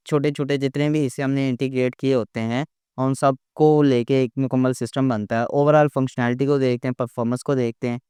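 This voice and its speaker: Man lecturing, crisp dry voice. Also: medium pitch, no room sound. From Pakistan. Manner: frequent "uh" fillers and restarts, mixing in English terms. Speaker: teacher.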